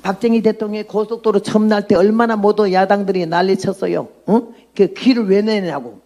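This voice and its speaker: A woman's voice: mid-range voice, a little fast, warm tone. An outspoken woman in her eighties preaching a testimony sermon as a missionary, blunt and emphatic. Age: 80s.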